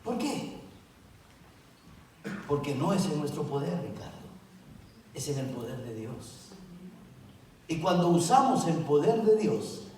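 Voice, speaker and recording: A middle-aged man preaches in a fairly high voice, stressing and repeating key words and asking the congregation questions. He sounds distant from the mic in a very echoey church sanctuary. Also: big pitch swings, takes it slowly, long pauses, a little mellow, a little hiss or hum. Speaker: pastor. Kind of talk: sermon.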